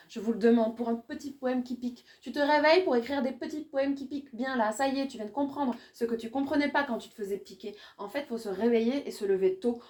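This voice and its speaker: A poet, a woman, giving a live reading of her poetry in a rhythmic, repetitive way, her voice swinging from loud bursts to hushed lines. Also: fairly high pitch. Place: small indoor venue.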